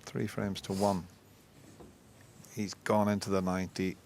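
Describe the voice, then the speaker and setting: Low-voiced man commentating on snooker. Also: little pitch movement, unhurried, gravelly, a little mellow, a little hiss or hum.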